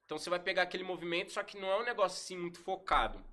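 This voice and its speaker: Bright-voiced São man telling stories. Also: sits high, rapid-fire. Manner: slangy, relaxed, recounts events at length. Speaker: podcast guest, breakdancer. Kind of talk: casual storytelling.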